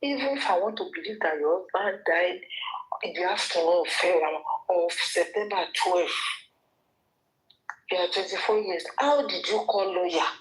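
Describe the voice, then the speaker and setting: A woman's voice: fairly low pitch, moderate pace, low-quality recording. A woman with a Nigerian accent giving an opinion commentary vlog, scolding the person she talks about and addressing her directly. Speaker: gossip commentator.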